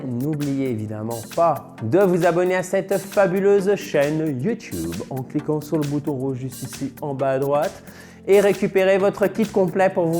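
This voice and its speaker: A man with French as his first language, giving a casual, lively online English lesson and switching between French and English examples. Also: fairly high pitch. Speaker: English teacher.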